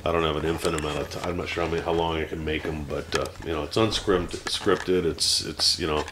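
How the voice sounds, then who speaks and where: A vlogger in his forties talks unscripted to a camera at home, rambling with many fillers and restarts until he becomes heated and ranting, teary-eyed. He has a bass voice, a steady tone and a fast pace, over a noisy background.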